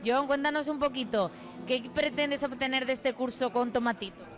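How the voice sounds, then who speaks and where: A woman reporting on location for TV, asking friendly questions in quick succession. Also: high voice. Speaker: field reporter. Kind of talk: on-location TV interview.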